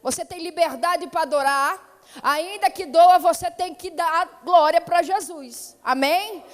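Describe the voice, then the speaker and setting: Speaking at a measured pace, a high-pitched paulista woman from São Paulo state, Brazil, preaches as a missionary in a fervent Pentecostal manner. Calm greetings give way to loud, urgent pleading, all resounding in a church hall with long reverb.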